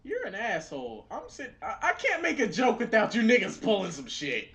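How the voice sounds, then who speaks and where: A man's voice: high voice, wildly swooping pitch, brisk, fairly bright tone. A young man co-hosting a casual podcast, wry and teasing, playing at being offended. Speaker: podcast co-host.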